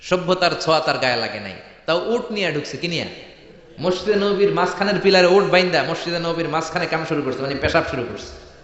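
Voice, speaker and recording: Rousing Bangladeshi preacher in echoing hall. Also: male voice, on the high side, animated, quick pace. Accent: Bangladeshi Bengali. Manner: call-and-response, rousing, swings between loud and soft. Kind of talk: sermon. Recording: echoey hall, dull sound.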